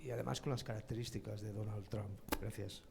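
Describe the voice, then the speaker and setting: A man in the audience asking a formal question, hesitant and full of pauses. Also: lowish voice, fairly even intonation, vocal fry, background noise. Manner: hesitant, many fillers. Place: auditorium.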